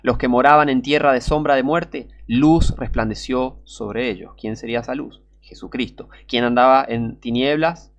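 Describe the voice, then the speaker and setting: A man with a Rioplatense Spanish accent preaching a sermon, urgent and pleading, sometimes breaking into shouts. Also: medium pitch, moderate pace, hardly any pauses, highs cut off.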